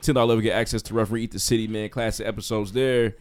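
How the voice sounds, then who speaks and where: A man hosts a podcast and rattles through the show plugs at a quick clip. His tone stays relaxed and casual, with a chatty, easygoing delivery. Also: fairly low pitch. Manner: laid-back, says "man" often. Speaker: podcast host.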